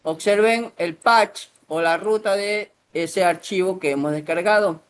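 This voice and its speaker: A man, patiently explaining a software tutorial step by step over a screen recording. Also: sits high, a little slow. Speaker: instructor.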